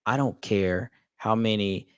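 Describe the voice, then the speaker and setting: A man co-hosting a casual discussion podcast, speaking in a reflective, measured way with some hesitations. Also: lowish voice, a bit bright, smooth, no room sound, studio quality. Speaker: podcast co-host.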